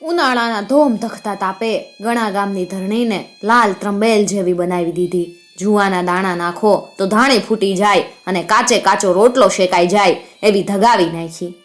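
A woman's voice: medium pitch, moderate pace, few pauses, soft background music. A woman storyteller, narrating a dramatic folk tale in a vivid, rhythmic way. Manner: vivid, rhythmic telling with recited couplets.

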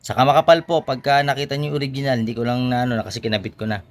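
A man hosting his own channel, showing motorcycle parts in a casual how-to demonstration with frequent tag questions and pauses. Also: mid-range voice, fairly even intonation. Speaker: motorcycle mechanic and channel host.

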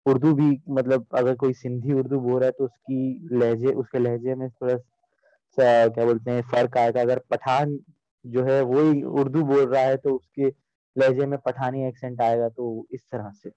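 A man's voice: medium pitch, little pitch movement, moderate pace, mellow, no echo, lo-fi sound. A young man answering his teacher in an online class, polite and hesitant, calling her ma'am. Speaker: student. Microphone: video call.

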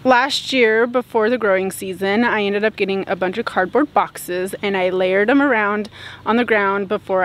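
A woman in her thirties talking casually to a handheld camera outdoors in her garden, relaxed, with frequent "um" fillers. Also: mid-range voice. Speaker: homestead vlogger. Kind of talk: casual vlog narration. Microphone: camera held at arm's length.

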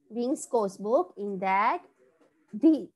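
Young indian english woman teaching little kids online, high voice, super slow, mixing hindi and english. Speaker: kindergarten teacher.

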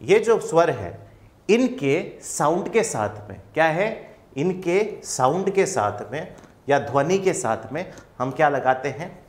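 A man's voice: a little high, big pitch swings, takes it slowly. A young Indian man teaching English grammar in an online class, patient and reassuring, asking questions and then answering them himself.

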